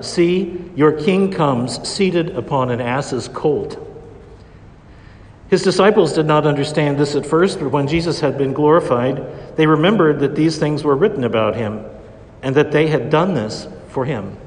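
Man preaching in a cathedral-like echo. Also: medium pitch. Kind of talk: liturgical scripture reading and homily. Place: large reverberant church indoors. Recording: long cathedral-like echo, reverberant church.

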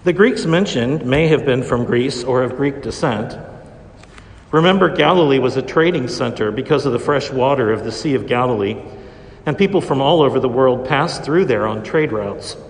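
A man's voice: medium pitch, expressive, normal speed. Man preaching in a cathedral-like echo. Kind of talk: liturgical scripture reading and homily. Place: large reverberant church indoors. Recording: long cathedral-like echo, reverberant church.

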